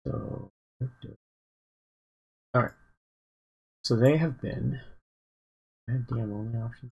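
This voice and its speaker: A man with a deeply gravelly, fry-heavy voice that sounds very husky and breathy. He rambles and halts, with many fillers and restarts, as he thinks aloud about his campaign. He sounds sleepy, like a dungeon master planning on a relaxed stream. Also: slow pace, lo-fi sound. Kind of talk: casual livestream, thinking aloud.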